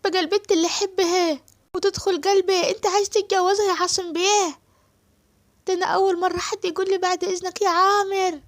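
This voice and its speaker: A woman voicing a clownish young male servant with an Egyptian accent, whining loudly in melodramatic complaints. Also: extremely high pitch, flat delivery, quick pace, voice pushed up. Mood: wailing.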